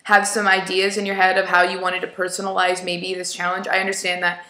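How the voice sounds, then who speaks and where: A woman's voice: on the low side, completely flat delivery, brisk, sharp tone, reverberant. A young adult woman vlogging in a casual, rambling way, full of filler words. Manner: chatty, rambling, many "like"s. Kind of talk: casual vlog chat.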